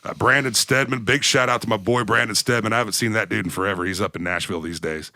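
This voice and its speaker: A low-voiced man with a drawl hosts a relaxed music interview. He tells rambling stories with a casual, profane ease. His tone is bright and forceful, recorded dry and close. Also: fast talker, no room sound. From West Texas. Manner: laid-back, rambling storyteller, swears casually. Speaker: podcast host.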